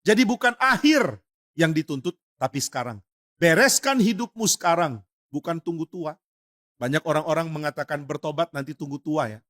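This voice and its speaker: Man, pastor, sermon, lively storytelling delivery, slightly high voice. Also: normal speed. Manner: storytelling with acted voices and rising emphasis; addresses congregation as brothers and sisters.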